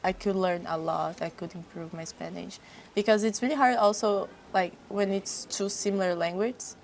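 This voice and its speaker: A young Brazilian woman speaks English as a second language with a Brazilian Portuguese accent, her mid-range voice gravelly and a little mellow. As a model appearing as a podcast guest, she chats casually with halting phrasing and frequent laughs. A little hiss or hum is present.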